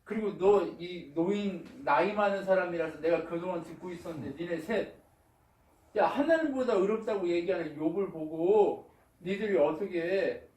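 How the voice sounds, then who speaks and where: A man's voice: high-pitched, moderate pace, a little mellow, lightly acted. A male pastor voicing Elihu, a brash young man scolding his elders bluntly and heatedly, heard from a far mic in an echoey room. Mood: indignant. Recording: roomy echo, mic far off.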